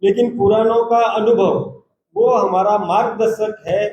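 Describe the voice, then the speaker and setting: A man, a party state president, giving a formal, measured press conference statement and taking reporters' questions in turn. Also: high-pitched, fairly even intonation, muffled recording. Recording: roomy echoey hall.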